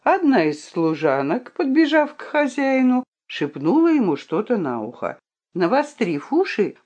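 A woman's voice: medium pitch, a little mellow, highs cut off. A woman reading a children's story aloud with dramatic expression.

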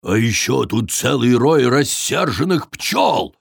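A gruff storybook bear, as a reader puts him on, grumbling in slow, husky tones. The reading sits in a dry, close recording. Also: mid-range voice, very animated, dry recording, exaggerated voice. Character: grumpy clumsy bear.

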